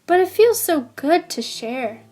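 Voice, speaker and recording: A woman's voice: high voice, sing-song, a little slow, warm tone, soft background music, voice pushed up. A woman voicing a kind, encouraging female cartoon bear in a children's storybook.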